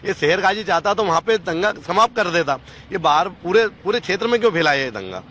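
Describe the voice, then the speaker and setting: A man's voice: high-pitched, lively intonation, brisk, a bit bright. A man who was injured at the rally gives an earnest, indignant account in a street interview. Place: busy street outdoors. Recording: faint street noise outdoors.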